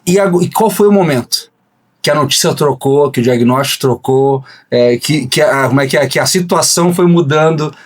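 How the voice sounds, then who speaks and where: A man hosting a podcast, asking long, reflective questions in a measured, careful way. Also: on the high side. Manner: measured, reflective, lots of filler words. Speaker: podcast host, interviewer. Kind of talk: thoughtful interview questions.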